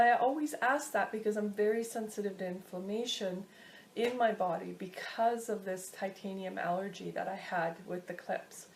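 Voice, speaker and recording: A woman casually teaching a step-by-step technique, often pausing to search for her words. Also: medium pitch, a little mellow, slight background noise. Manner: halting, searching for words as she explains. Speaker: instructor teaching a pendulum technique. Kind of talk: casual instructional video talk.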